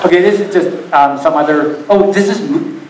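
An older man with a somewhat high, slightly mellow voice gives a live slideshow talk at a climbing event, speaking at a moderate pace. He rambles, pokes fun at himself, and often laughs through his stories. The audio comes from far off in an echoey event hall with a live audience and carries a bit of hiss or hum.

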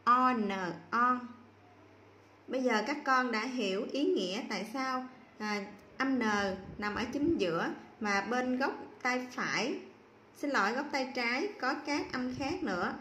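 A woman teacher giving a slow, patient spelling lesson to young children, repeating each sound clearly. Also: high-pitched, expressive, fairly bright tone, roomy sound, slight background noise. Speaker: primary school teacher.

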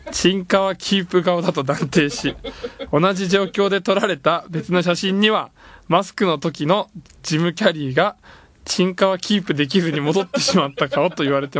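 A man's voice: on the high side, a bit bright. A man hosting a radio show in a studio, chatting casually, joking and complaining playfully with frequent laughs.

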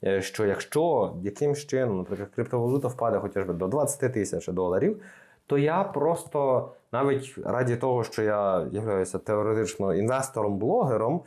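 A man's voice: lowish voice, expressive, a little fast, darkish tone. A man who runs an investing channel, talking loosely in a casual to-camera vlog with many fillers. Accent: Ukrainian. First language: Ukrainian. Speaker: investing blogger.

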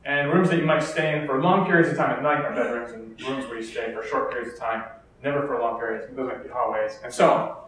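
A man's voice: mid-range voice, fast, a bit bright. A man with an American accent giving a conference keynote lecture, explaining steadily with the odd filler and restart. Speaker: keynote speaker. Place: lecture hall. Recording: echoey hall, distant mic.

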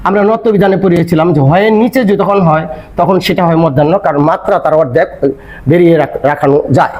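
In a grammar lesson styled like a classroom, an older male teacher walks through the rules step by step, asking himself questions and supplying the answers. He talks briskly in a slightly high voice, and the recording sounds muffled.

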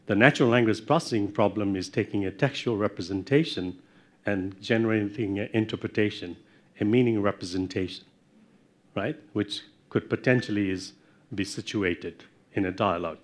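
A man's voice: on the low side, normal speed. A middle-aged man giving a university lecture, explaining step by step and putting questions to his audience in a lecture room.

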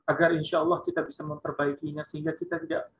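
A man's voice: a little high, little pitch movement, fast talker. A man moderating a webinar, politely reading listener questions to the teacher. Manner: polite, deferential. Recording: dull lo-fi call audio with faint noise.

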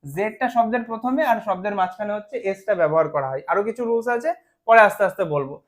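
A man teaching a spelling lesson, explaining patiently step by step, slowing down to spell words out and often checking "right?". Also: high voice.

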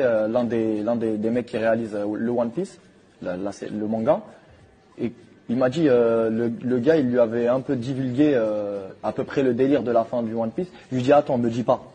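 Man with a very husky, mellow voice, hesitant storytelling. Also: medium pitch. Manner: hesitant, full of fillers. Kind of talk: casual anecdote.

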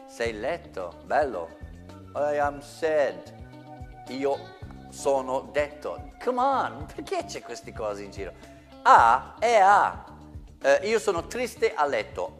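A man's voice: medium pitch, wildly swooping pitch, slow, a bit bright, long reverb tail, faint music behind. A man whose first language is English, teaching pronunciation in Italian in a playful comic style and repeating words with exaggerated care.

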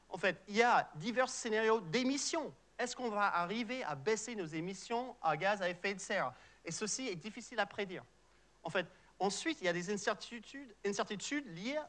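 Patiently explaining science to the public, this middle-aged Canadian researcher, a native speaker with an English-Canadian accent, lectures in a large auditorium. The voice sits high and is a bit bright, with frequent fillers and restarts.

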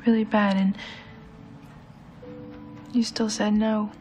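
A woman's voice: medium pitch, level tone, takes it slowly, dark tone, lightly acted. An actress playing a protective, needling, plain-spoken young woman with an American accent in a television drama. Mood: firm. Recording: dialogue over background music.

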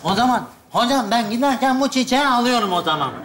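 A man's voice: extremely high pitch, expressive, fast talker, fairly bright tone. An actor playing a clumsy, greedy young man who chatters cheekily in a sketch comedy. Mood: cheeky. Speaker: friend visiting the hospital.

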